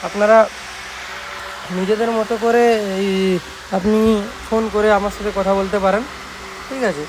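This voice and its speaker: Speaking at a moderate pace in a high voice, a young Bengali-accented man from West Bengal, India, runs through products for his casual vlog. He's a speaker repair technician and channel host whose style is informal, reassuring, and full of repetition. Loud, steady noise sits behind this amateur recording.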